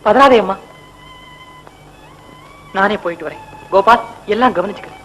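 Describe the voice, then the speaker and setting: A calm dutiful son. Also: male voice, high voice, normal speed, dull audio, faint music behind. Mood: reassuring.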